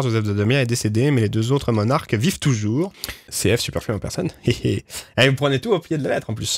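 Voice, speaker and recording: A man casually reading fan theories about his fantasy world aloud, explaining with many hesitations and swearing as he bursts into loud disbelieving exclamations. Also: medium pitch. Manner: animated, swears often, exclaims loudly in disbelief. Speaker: creator of a fantasy universe reacting to fan theories. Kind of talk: casual livestream reading and commentary.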